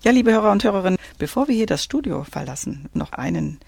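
A woman's voice: mid-range voice, animated, quick pace, gravelly, a little mellow, husky, no room sound. A woman radio host in a local radio studio, thanking a guest and reading announcements.

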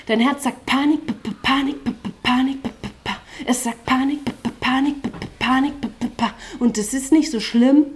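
Frau mit rhythmischem Slam-Poetry-Vortrag. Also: female voice, high voice, normal speed, hardly any pauses. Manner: stuttering refrains, repetitive chant-like delivery. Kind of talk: rhythmic spoken-word performance. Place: live stage without a microphone.

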